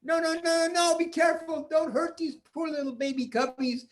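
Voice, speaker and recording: A man voicing a tender-hearted, excitable young boy hero in a children's story, exclaiming and fretting as he coos at small animals. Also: extremely high pitch, normal speed, pitched above the performer's own voice. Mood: alarmed.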